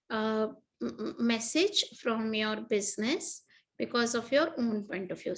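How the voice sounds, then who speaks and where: Woman, facilitator, guided clearing session, repetitive soft murmured phrases. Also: fairly high pitch, rough recording.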